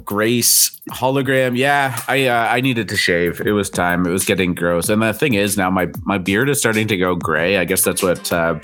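A man's voice: fairly low pitch, steady tone, moderate pace, few pauses, noisy background. A man in his thirties hosting a casual live morning show, chatty, laughing easily and greeting listeners by name. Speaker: host.

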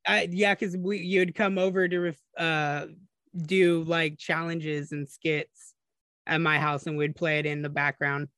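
A man's voice: fairly high pitch, little pitch movement, a little slow, pushed and bright, no echo, clean studio sound. A man co-hosting a casual chat over a video call, chatty and full of fillers.

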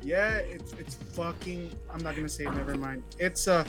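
A young man chatting excitedly and slangily with friends on a podcast, swearing freely. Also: a little high, normal speed, music in the background. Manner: excitable, slangy, swears, puts on a nerdy voice at times. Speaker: podcast co-host. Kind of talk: casual chat among friends.

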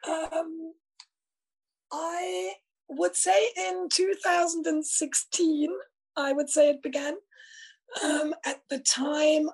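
A woman's voice: sits high, rough recording. A woman from East Germany, a middle-aged health and life coach, telling her story in a reflective, thoughtful way during an interview. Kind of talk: casual conversational interview.

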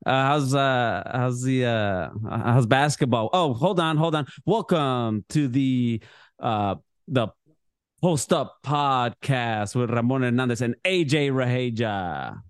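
A man's voice: medium pitch, animated, slow, clean tone, dry recording. A man co-hosts a casual basketball podcast, his mid-range voice rambling through restarts and easy laughs. The sound is dry and close, with no room around it. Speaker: podcast co-host. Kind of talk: casual sports chat.

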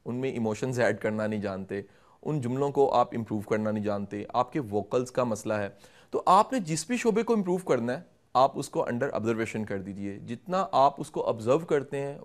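A middle-aged man answering interview questions, explaining communication skills at length in a measured, instructive way and addressing the viewers directly. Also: mid-range voice. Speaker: guest speaker on communication.

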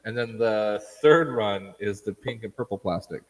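A man's voice: lowish voice, moderate pace. A man co-hosting a casual chat, explaining carefully with hesitant fillers. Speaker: podcast co-host. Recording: long reverb.

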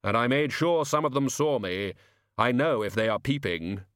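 A male reader plays a solemn spirit of death trying to pass as a festive gift-bringer in a fantasy story. He talks slowly and formally, with stiff, literal-minded weight. The recording is dry and close. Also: mid-range voice, sing-song, no room sound. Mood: earnest, proud.

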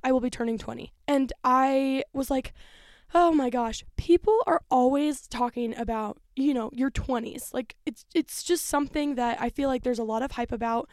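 A woman's voice: high-pitched, a little mellow, dry recording, clean studio sound. A nineteen-year-old woman hosting a casual solo podcast, rambling and chatty with lots of fillers. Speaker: podcast host.

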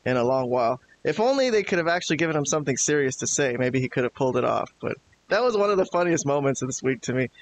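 A man's voice: medium pitch, expressive, fast. A man hosting a podcast, giving casual wrestling commentary. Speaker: podcast host. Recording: hissy, noisy podcast audio.

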